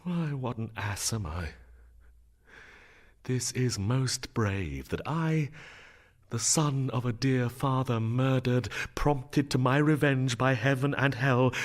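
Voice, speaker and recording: A man playing a brooding, grieving young prince in a Shakespearean drama, with a theatrical, emphatic delivery that moves between hushed and declaiming. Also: mid-range voice. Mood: self-loathing. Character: grieving, brooding young prince Hamlet, self-lashing and vengeful.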